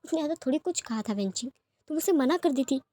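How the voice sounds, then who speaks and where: A woman's voice: fairly high pitch, brisk, warm tone, no echo, lightly acted. A woman voicing a hot-tempered young man. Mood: irritated. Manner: pleading and defiant inner monologue.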